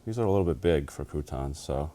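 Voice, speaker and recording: Guest-cooking in a casual demonstration, a man who serves as town manager explains every step in a relaxed manner, full of "uh" and restarts. He talks fast and animatedly in a rumbling low, dark-toned voice, with slight background noise.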